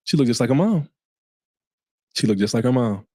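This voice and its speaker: A man, answering interview questions in a casual, halting way and repeating himself. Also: mid-range voice, lively intonation, a little mellow. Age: 40s. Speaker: interview guest.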